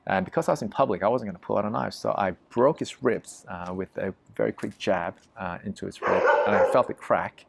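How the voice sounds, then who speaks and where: A low-pitched man with a gravelly edge tells a story as a podcast guest. He is emphatic and vivid, swearing freely as he goes. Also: fairly quick, hardly any pauses, slight background noise. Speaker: interview guest.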